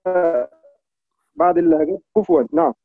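A man's voice: high voice, very animated, a little fast, vocal fry, breathy edge, no room sound, soft background music. A man with an Egyptian accent, a student in an online class, politely but insistently restating his question to the teacher. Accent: Egyptian Arabic. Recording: tinny dry phone-like call line.

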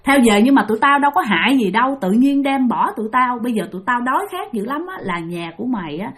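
A woman doing furious shrill possessing ghosts. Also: animated, fast, a bit bright. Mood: demanding. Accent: Southern Vietnamese. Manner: threatening, shrill and scolding. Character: angry male ghosts of dead soldiers possessing someone.

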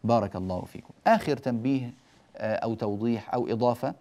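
Man slowly teaching Quran recitation. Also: medium pitch, dark tone. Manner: slow, deliberate enunciation of examples, then explains; corrects common errors firmly. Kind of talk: televised tajweed lesson.

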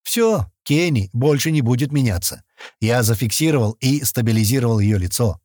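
A man reading an audiobook, voicing a confident, smug man who briskly explains and gives orders, in a slightly raised husky voice. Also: mid-range voice, animated, a little mellow, dry recording, clean studio sound, natural voice. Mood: brushing off.

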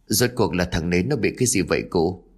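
An anxious village father, as a male storyteller plays him, imploring and worried, with a lively rising and falling voice. He sounds like a figure from a spoken ghost story. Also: low-pitched, brisk, slightly rough.

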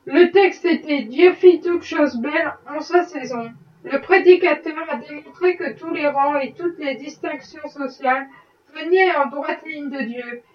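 Woman reading haughty rich lady, prim, disapproving, high voice, far from mic. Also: echoey room, lo-fi sound. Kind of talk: audiobook reading.

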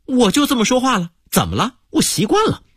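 A man's voice: a little high, wildly swooping pitch, normal speed, husky, no echo, studio quality, exaggerated voice. A man voicing a sullen, grumbling hotel attendant who mutters short retorts.

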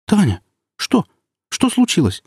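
Man putting on a squeaky, plaintive old mother. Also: lively intonation, a little slow, dark tone, no room sound, studio quality. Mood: frightened. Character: frightened older mother, meek and plaintive.

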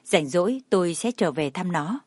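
A woman voicing a reserved father who speaks in a calm, clipped way. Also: medium pitch, normal speed, no echo, clean studio sound, lightly acted. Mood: cool. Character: reserved father, cool and curt.

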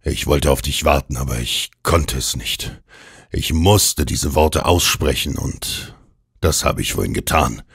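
A man voicing an old male occultist uncle who is feverish and domineering, speaking gruffly and with slow intensity. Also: a bass voice, fairly bright tone, no echo, clean studio sound, full character voice.

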